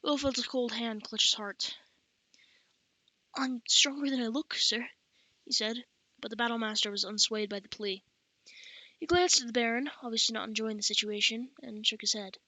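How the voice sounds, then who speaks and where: A woman's voice: on the high side, fairly quick, bright, forceful tone, dry recording, poor audio. A woman narrating an audiobook, who corrects her own reading slips aloud as she goes. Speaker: audiobook reader.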